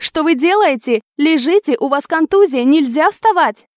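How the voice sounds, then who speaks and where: A bossy middle-aged paramedic woman barks orders in a storybook, played by a woman reader. Her voice climbs high and shrill as she scolds. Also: animated, moderate pace, no room sound, studio quality. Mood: scolding. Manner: loud, scolding.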